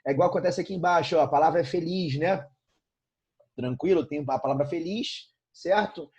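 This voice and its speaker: A man's voice: on the high side, brisk, darkish tone, husky, lo-fi sound. A Brazilian man teaching an informal online grammar lesson, repeating points and checking in with frequent tag questions. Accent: Brazilian Portuguese.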